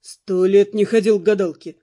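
A young man stuck behind bars, wry and dry about his own bad luck, as the woman narrator puts him on. The voice sits lower than hers and comes out loud. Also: fairly even intonation, moderate pace, natural voice.

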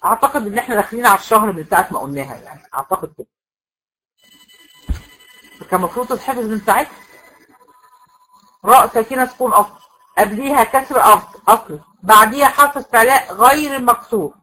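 A woman with an Egyptian accent teaches a recitation class in a slightly high voice. She lays out each rule in careful steps, throwing questions to her women students and answering them herself. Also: quick pace, long pauses, sharp tone, rough recording. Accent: Egyptian Arabic. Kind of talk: classroom lecture.

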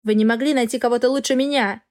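A woman's voice: fairly high pitch, fairly even intonation, fast, darkish tone, close to an everyday voice. A woman voicing an arrogant young noblewoman in an audiobook, haughty and demanding. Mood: shrill. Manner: haughty, rising to shrieks. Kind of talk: audiobook character voice.

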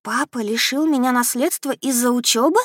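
A woman's voice: fairly high pitch, normal speed, a bit bright, no echo, clean studio sound, voice pushed up. Woman voicing an indignant young noblewoman. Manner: eager and indignant, raised voice.

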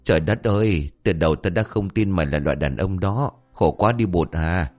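Casting: sly young village gossip, a man voicing him, deep and animated. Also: moderate pace, faint music behind. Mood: gossipy.

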